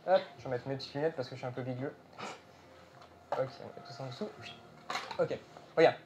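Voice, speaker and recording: A man doing casual comic stage banter as a magician, informal and slangy with halting phrasing. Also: medium pitch, darkish tone, slight background noise. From France. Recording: show recording with faint music. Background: music.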